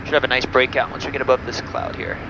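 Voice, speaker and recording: A man's voice: mid-range voice, little pitch movement, quick pace, vocal fry. A man flying as pilot, giving terse, clipped checklist callouts over a cockpit headset intercom. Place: jet cockpit. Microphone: headset mic. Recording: muffled cockpit headset audio with engine noise. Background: engine and cockpit noise.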